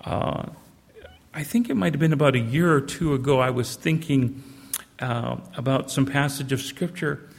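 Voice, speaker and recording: A Canadian-born man preaching a sermon in a church, earnest and measured, slowing down to stress key phrases. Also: medium pitch, creaky. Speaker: pastor. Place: church sanctuary. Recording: reverberant church hall.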